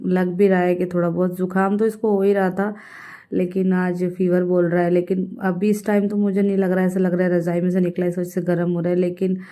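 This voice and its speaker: A woman's voice: lowish voice, little pitch movement, brisk, dark tone. A woman in her thirties chatting casually to her viewers in a home vlog, mixing English words into her talk. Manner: chatty, addresses viewers directly; mixes English words into Hindi. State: unwell with fever. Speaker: vlogger.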